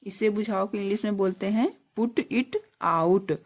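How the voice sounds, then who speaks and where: Speaking in a mid-range voice, a woman leads an elementary English lesson. She spells each word one letter at a time, says phrases again slowly, and answers the questions she asks.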